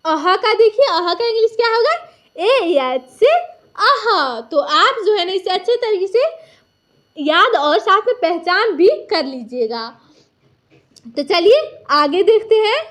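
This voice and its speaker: A woman's voice: extremely high pitch, animated, slow pace, fairly bright tone. A woman teaching a beginner lesson step by step, patiently asking questions and answering them herself.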